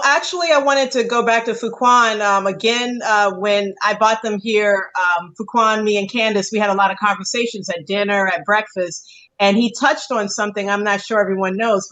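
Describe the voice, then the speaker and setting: A woman interviewing dancers in a relaxed chat, talkative and laughing easily. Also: mid-range voice, normal speed, low-quality recording. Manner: chatty, laughs often. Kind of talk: casual interview.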